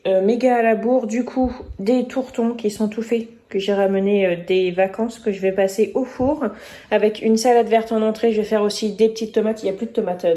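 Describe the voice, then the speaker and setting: A woman's voice: mid-range voice, darkish tone, a little hiss or hum. Chatty French woman cooking at home. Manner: chatty, hesitant, many fillers. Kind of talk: casual cooking vlog voice-over.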